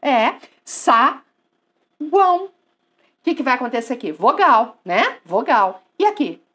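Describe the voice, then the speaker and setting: A woman teaching a grammar lesson online, asking and answering her own questions in a coaxing, lively way. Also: high-pitched, takes it slowly.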